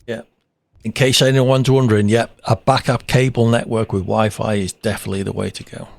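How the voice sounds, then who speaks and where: A man's voice: fairly low pitch, level tone, a little fast, gravelly. A man streaming a co-op game, chatting casually and often trailing off mid-sentence. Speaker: streamer playing co-op. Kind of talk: casual gaming chat.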